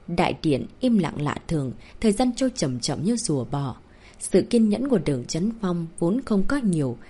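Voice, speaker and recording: A woman narrating a novel as an audiobook, reading steadily and slowing down for dramatic moments. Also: fairly low pitch, warm tone, breathy edge.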